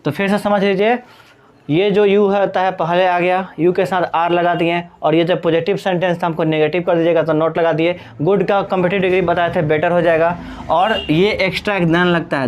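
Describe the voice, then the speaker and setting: A man teaching an English grammar lesson in Hindi. He is patient and repeats each point, checks in with students often, and dictates examples slowly word by word. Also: high-pitched, fairly even intonation, lo-fi sound, slight background noise. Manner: addresses students fondly as "Babu".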